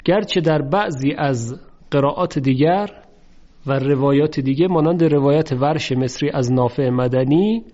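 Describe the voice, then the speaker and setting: A man teaching a lesson on Quran recitation, slowly drawing out example words to demonstrate pronunciation. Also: on the high side, mellow. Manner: slow, drawn-out demonstration of words. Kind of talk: lesson on tajweed. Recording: dull lo-fi recording.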